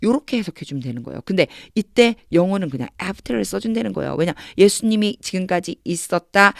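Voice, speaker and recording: A woman's voice: low voice, no echo. Woman language teacher, patient, repeats phrases and acts out lines, dry close sound. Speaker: English Bible reading teacher. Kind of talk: explanatory lesson.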